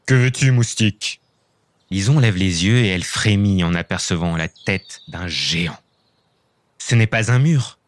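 A man reading a children's story aloud, clear and expressive. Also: lowish voice, no room sound, clean studio sound.

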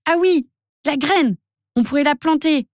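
A woman voicing a sulky, lively little girl in a children's storybook, talking high and excitedly. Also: normal speed, dry recording, studio quality.

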